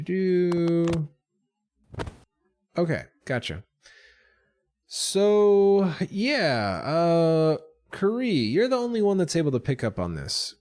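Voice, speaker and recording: A young man narrating a tabletop game as game master, relaxed and hesitant, with many fillers. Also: lowish voice, clear, resonant tone, dry recording.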